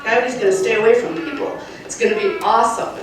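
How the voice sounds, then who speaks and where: A woman urban wildlife specialist giving a lively, emphatic outdoor talk, often checking in with her listeners. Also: a little high, fairly quick. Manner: lively, emphatic, keeps asking the crowd "right?". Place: outdoors at a nature center. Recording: echoey, distant, faint noise.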